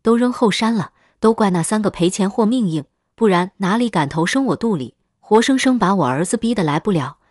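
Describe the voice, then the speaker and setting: A woman's voice: medium pitch, expressive, fairly quick, few pauses, a little mellow, no room sound, studio quality, close to an everyday voice. Woman reading as a pleading village wife. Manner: pleading, wheedling. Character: desperate village woman who bought a bride.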